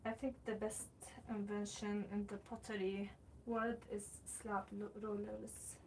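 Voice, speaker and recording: A woman from Sweden hosts a pottery livestream from a warm studio room, chatting in an unhurried way as she greets viewers and answers their comments. Her voice sits a little back from the mic. A faint hum of room ambience stays under her speech. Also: mid-range voice, flat delivery, recorded from a distance, low-quality recording. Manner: chatty, reads viewer comments aloud while working clay. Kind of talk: casual livestream chat.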